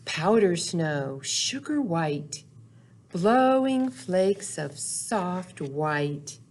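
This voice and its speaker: With a lowish, slightly mellow voice, a woman hosts a children's library storytime, speaking very slowly in a sing-song way. She reads aloud, sings, and asks questions of young children using simple phrases.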